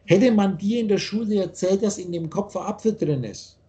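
A man's voice: sits high, normal speed, dark tone. An older man from Austria, lecturing at length as a spiritual teacher over a video call, rambling and insistent, often restarting his sentences.

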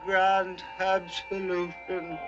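An actor playing a priest granting absolution to soldiers in slow, measured intoning. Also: male voice, high-pitched, completely flat delivery, dull audio, over music. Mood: solemn. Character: solemn male army priest granting absolution. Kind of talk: solemn blessing.

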